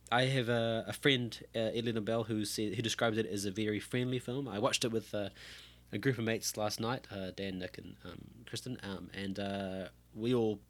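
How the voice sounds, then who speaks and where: A man co-hosting a casual film podcast, rambling through tangents and laughing often. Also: on the low side. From New Zealand. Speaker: podcast co-host.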